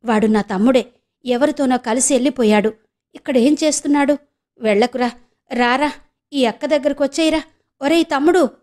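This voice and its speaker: An earnest young village woman, as a woman narrator voices her in a storybook reading, pleading with a slightly high voice. She speaks with sincere urgency, keeping the everyday sound of the reader's own voice. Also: moderate pace, long pauses, darkish tone, lightly acted. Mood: anxious, pleading. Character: young village woman searching for lost brother.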